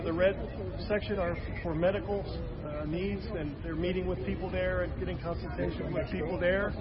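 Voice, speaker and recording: A man working as a missionary, reporting from a camp outdoors in a halting way with many fillers. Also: sits high. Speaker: missionary aid worker. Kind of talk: on-site report. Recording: muffled outdoor field recording. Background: loud crowd.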